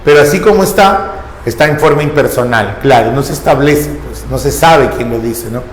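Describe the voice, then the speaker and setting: A man's voice: mid-range voice, moderate pace. A man teaching a grammar lesson to a class, coaxing students with repeated questions and prompts. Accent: Peruvian Spanish. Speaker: language teacher. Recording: echoey classroom with long reverb.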